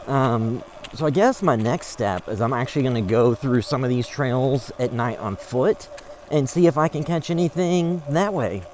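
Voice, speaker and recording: A man's voice: medium pitch, normal speed, darkish tone, close to an everyday voice. A man acting as a casual, skeptical amateur creature hunter in a found-footage horror film, muttering hesitantly to his camera. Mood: musing, wary. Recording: noisy location sound.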